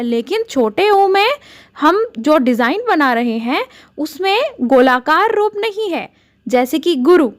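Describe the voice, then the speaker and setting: A woman with a high, light voice gives a Hindi spelling lesson to children. She explains step by step, patiently, and often turns to speak to the kids directly. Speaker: Hindi teacher.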